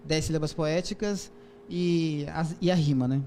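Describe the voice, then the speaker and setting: A man's voice: on the high side, steady tone, measured pace, dark tone, a little hiss or hum. A man with a Brazilian Portuguese accent, a poet and author interviewed as a guest, explaining poetic forms patiently with frequent fillers and restarts. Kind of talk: interview, explaining and reciting poetry.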